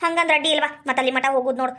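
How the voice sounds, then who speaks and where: A woman with a North Karnataka Kannada accent trades quarrelsome banter in a scripted village comedy sketch. Her voice sits very high and she talks fast. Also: steady tone, sharp tone. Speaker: village women comedy cast.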